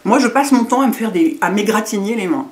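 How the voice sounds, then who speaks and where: A woman's voice: medium pitch, lively intonation, quick pace. A middle-aged woman with a lisp and slushy s sounds, chatting casually in a rambling, self-mocking way as a beauty vlogger.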